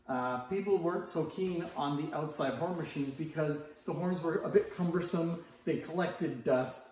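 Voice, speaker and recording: A man with a rather high yet dark-toned voice casually shows off antique phonographs, musing aloud in an unscripted, conversational show-and-tell. The room he's in is very echoey and reverberant.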